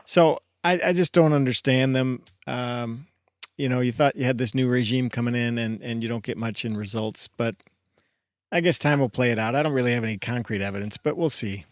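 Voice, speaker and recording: Podcast co-host, man, animated, dry close sound. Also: mid-range voice, fairly quick, dry recording. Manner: animated storyteller, exclaims. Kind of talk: casual sports chat.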